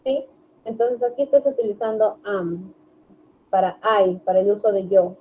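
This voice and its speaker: A woman teaching an online English class, patiently explaining and often checking understanding, reading English examples slowly. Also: mid-range voice, fairly even intonation, a little hiss or hum. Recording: tinny phone-like online class audio.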